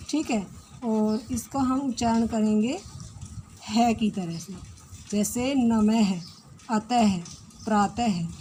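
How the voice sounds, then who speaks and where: Indian lady teacher, kinda high pitched, patient, asks the kids then answers herself. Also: a little mellow, slight background noise. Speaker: primary school teacher. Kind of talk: recorded class lesson.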